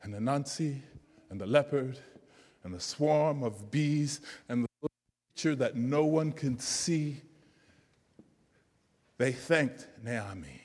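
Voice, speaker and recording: A man telling a folk tale to listeners, slow, gentle and often dropping to quiet. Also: mid-range voice, animated. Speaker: storyteller. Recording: long hall reverb.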